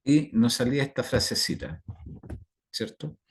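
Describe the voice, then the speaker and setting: A man's voice: medium pitch, animated, measured pace, slight background noise. A Chilean man teaching an online class over a video call, rambling with fillers and constantly checking in with his students. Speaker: instructor.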